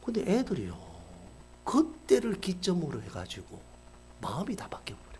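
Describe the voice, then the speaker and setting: A man's voice: normal speed, slight background noise. A middle-aged male pastor telling a story in a sermon, acting out the people in it with sudden shifts in voice. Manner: acts out quoted characters with lively swings in pitch and loudness.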